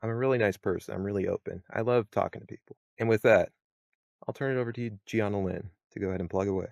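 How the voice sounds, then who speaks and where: Deep-voiced man moderating a podcast. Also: fast talker, creaky, darkish tone, no echo, dull audio. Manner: rambling, many fillers and restarts. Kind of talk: casual podcast chat.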